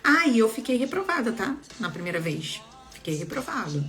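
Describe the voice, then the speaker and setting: Woman, young adult, animated storyteller, faint background music. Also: fairly high pitch, moderate pace. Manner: animated, expressive, laughs while telling. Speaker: vlogger sharing a personal story. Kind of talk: casual storytelling to viewers.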